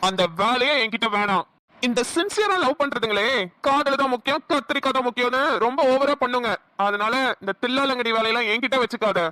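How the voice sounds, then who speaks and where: A woman's voice: on the high side, fairly quick, pushed and bright. A woman voicing an arrogant, spiteful young male villain in a cartoon, with a taunting, drawling, sneering manner and a Namakkal Tamil accent.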